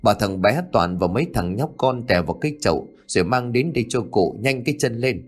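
Brief: old village woman, bossy and harsh, voiced by a man, lively swings, ghost story. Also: mid-range voice, brisk, lightly acted. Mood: scolding. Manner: harsh, scolding shouts.

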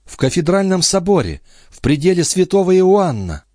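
A man reading an audiobook, voicing a devoted young woman in a soft, raised voice. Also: high voice, big pitch swings, moderate pace, no echo, clean studio sound, pitched above the performer's own voice. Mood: earnest.

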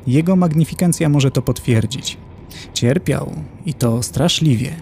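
A man's voice: a little high, measured pace, gravelly, darkish tone, slight background noise, voice pushed up. Man doing a formal, clinical magnificence of hell. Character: pompous male dignitary of hell, clinical and formal.

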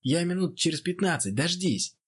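A man voicing a big, easygoing young male boxer who talks in a loud, bluff way, in an audiobook. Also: mid-range voice, expressive, moderate pace, breathy edge. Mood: shouting.

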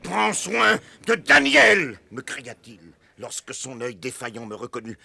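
An actor playing a grieving elder who rebukes the crowd, shifting between bitter hushed lines and shouted accusations in a classic stage drama. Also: male voice, medium pitch, fairly even intonation, moderate pace, breathy edge. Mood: impassioned. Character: grieving elder, friend of the slain brother.

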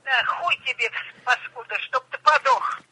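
An older woman answering a prank call, heard distant and quiet over the phone, giving curt, grumpy and rude replies. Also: high voice, wildly swooping pitch, a little slow, vocal fry, slightly rough. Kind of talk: phone conversation.

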